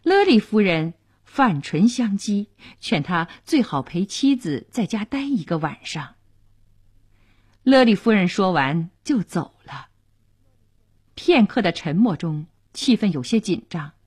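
Woman reading a story on radio, slow and breathy, lively pitch. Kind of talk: scripted story narration for radio.

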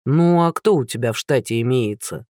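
A narrator voicing a blunt, unflappable small-town army captain who speaks plainly. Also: male voice, mid-range voice, moderate pace, a little mellow, no echo, studio quality, pitched below the performer's own voice, lightly acted. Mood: calm.

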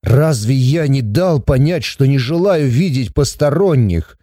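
A man voicing a stern, contemptuous grown man who speaks slowly and coldly. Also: mid-range voice, lively intonation, warm tone, no room sound, studio quality. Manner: slow, cold, clipped.

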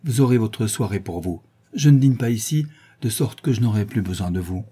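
A man voicing a cool, commanding young male dandy who gives orders briskly. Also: fairly low pitch, expressive, warm tone, slightly rough. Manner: commanding, urgent.

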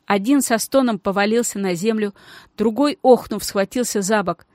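A woman narrates a children's adventure audiobook in a steady, expressive voice of middle pitch. The sound is dry and close, with no room echo. She reads at an even storytelling pace. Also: moderate pace. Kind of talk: scripted narration.

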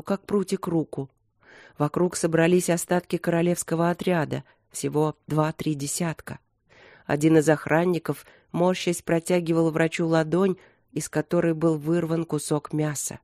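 A measured audiobook narrator reading a dark war scene in an even voice of middling pitch. The delivery slows on the grimmest moments. The recording is dry and close. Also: no echo.

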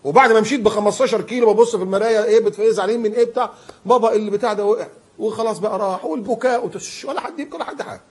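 A middle-aged man preaching with a broad Egyptian Arabic accent, his voice sitting somewhat high and carrying a husky edge. He talks at a rapid, tumbling pace. He keeps the sermon lively with jokes and acted-out everyday scenes. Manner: animated, joking, acts out everyday scenes. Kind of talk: humorous Friday-style sermon.

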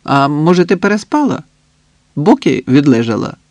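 A man reading an audiobook voices a cheerful young woman who teases her friend in a playful, bubbly way, raising his voice higher and louder for her. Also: sing-song, moderate pace, no room sound. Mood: teasing. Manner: playful, bubbly, bossy banter.

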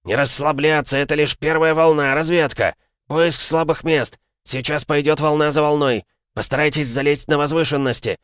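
A man voicing a gruff army captain who barks orders at the top of his lungs. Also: medium pitch, animated, normal speed, hardly any pauses, no room sound, clean studio sound, pitched above the performer's own voice, close to an everyday voice. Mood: shouting orders. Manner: barking orders at full shout.

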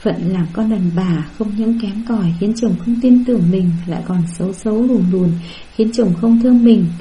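Brief: woman doing a wounded, sulky young wife, self-pitying, dark mellow voice, lo-fi sound. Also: medium pitch, moderate pace, close to an everyday voice. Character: hurt young wife, sulking and self-reproaching.

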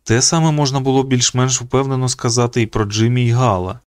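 A man narrating an audiobook in an expressive reading voice. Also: fairly quick, clean tone, dry recording, clean studio sound. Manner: reads expressively, pitching up for the children's quoted lines.

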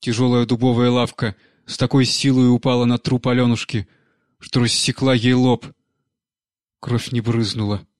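A man narrating an audiobook in a measured, steady reading. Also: mid-range voice, no echo, clean studio sound. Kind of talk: scripted narration.

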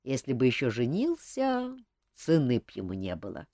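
Woman voicing a plain-spoken young barbarian guy, very lively pitch, dry close sound, audiobook hero read in her own voice. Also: moderate pace, dry recording, full character voice. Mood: rueful. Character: young male barbarian hero, blunt and cheerful. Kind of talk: audiobook character reading.

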